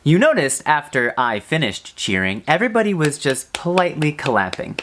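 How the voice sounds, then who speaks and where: An exasperated vlogger talks casually to camera. The mid-pitched voice swings widely and animatedly, often turning points into rhetorical questions. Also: very animated, normal speed, heavy background noise.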